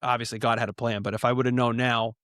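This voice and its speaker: A man in his late thirties from New York, a pastor guest, telling stories in an earnest, lively conversational way. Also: medium pitch, fast, no room sound, studio quality. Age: 30s. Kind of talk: casual conversation.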